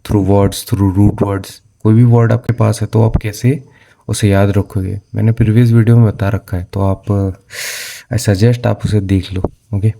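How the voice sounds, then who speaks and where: Young guy going over vocab words, super dark mellow voice, keeps asking then answering. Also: fairly low pitch, little pitch movement, measured pace, creaky, slight background noise. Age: young adult. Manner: asks questions, then answers them; frequent "theek hai na"; mixes English words into his speech. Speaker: vocabulary tutor. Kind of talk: explaining vocabulary for exam prep.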